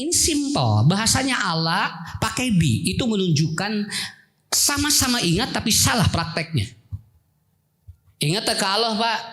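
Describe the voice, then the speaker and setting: A man with a Sundanese accent preaching to a congregation, telling stories in a jokey, lively way, acting out the characters and calling on listeners directly. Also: high voice. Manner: lively, jokey, acts out quoted characters and calls on the audience. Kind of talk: sermon storytelling to a live congregation.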